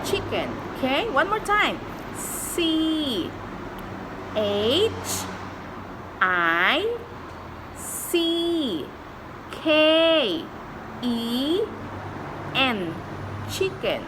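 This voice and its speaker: A woman teacher with a high, very lively voice leads a vocabulary and spelling lesson for young children. She coaxes in a repetitive sing-song, as if talking to a small child, letter by letter. There is clear noise in the recording. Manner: slow, spells words out letter by letter.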